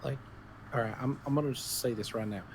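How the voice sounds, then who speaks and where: A man's voice: medium pitch, fast talker, background noise. A man bantering casually as a player in a tabletop game.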